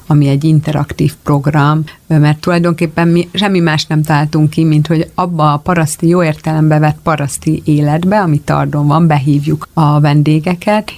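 Lively woman with a slight Tard dialect. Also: low voice. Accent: Tard regional Hungarian dialect. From Hungary. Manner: lively storytelling, animated. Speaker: guest, founder of a design business. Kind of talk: casual radio interview talk. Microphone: studio microphone.

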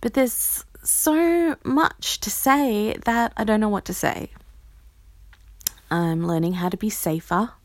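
A woman host talks through a personal audio diary at a very leisurely pace. Her voice is gravelly with fry and breathy, often sinking toward a whisper. She is halting and reflective with a playful theatrical streak, and the sound is close and dry. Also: medium pitch, dry recording. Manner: reflective, halting, with pauses and sighs. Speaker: podcast host. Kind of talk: casual, confessional solo audio diary.

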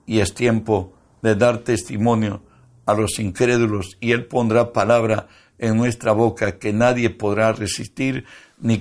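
A man as pastor giving a Bible study sermon, in a slow, measured preaching manner that reads scripture aloud. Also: lowish voice, a little mellow.

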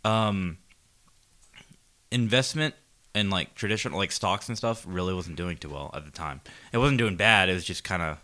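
Podcast co-host, man, deep bright voice, rambling and profane in casual chat. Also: normal speed. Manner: rambling, profane, explaining at length.

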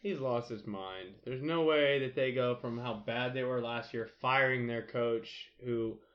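A man's voice: mid-range voice, a little slow, dull audio. A man co-hosting an amateur sports podcast, arguing back in exasperated, profane banter. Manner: exasperated, argumentative, swears freely. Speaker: podcast co-host. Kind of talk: casual sports chat.

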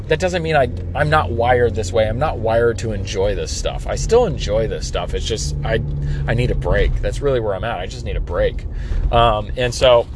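A man's voice: mid-range voice, rough recording. Thirty-something man thinking aloud outdoors. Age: 30s. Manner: rambling, thinking aloud with many fillers and restarts. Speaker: small business owner. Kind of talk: casual vlog monologue. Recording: outdoor street noise.

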